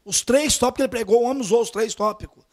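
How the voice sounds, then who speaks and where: A man with a Brazilian accent preaches at a church service, telling a story from his own life. His voice sits high for a man and stays lively, sinking to near-whispers before rising into loud exhortation. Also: very fast. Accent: Brazilian Portuguese. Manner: animated, swings from hushed asides to loud urging. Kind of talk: storytelling sermon.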